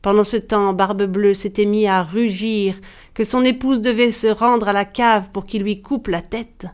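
A woman narrating a dark fairy tale in a measured, dramatic storytelling manner. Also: medium pitch, steady tone, clean tone.

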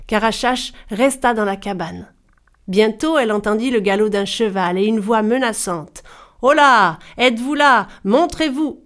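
A woman narrating a folk tale in a calm, measured storybook manner. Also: medium pitch.

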